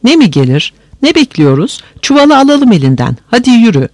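A man voicing an excitable, easily frightened village weaver in a read-aloud story, blustering and agitated. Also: very high voice, brisk, no echo, voice pushed up, full character voice.

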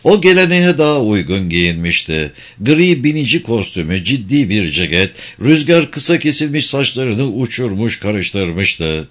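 A man reading a novel aloud as narrator, steady and expressive. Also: medium pitch, measured pace, hardly any pauses. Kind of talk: audiobook narration.

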